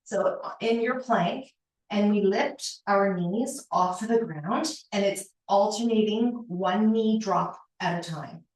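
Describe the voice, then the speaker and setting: An aerobics instructor leads a workout in a slow, mid-range, slightly mellow voice. She gives short, encouraging cues and counts, and the roomy indoor space makes the sound echo.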